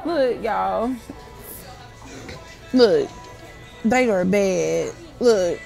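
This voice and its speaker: A woman's voice: mid-range voice, expressive, very slow, creaky, warm tone, faint music behind, some chatter behind. A woman filming a casual vlog in a pet store on a handheld phone, giggling and cooing at the animals while she talks to her viewers. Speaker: vlogger.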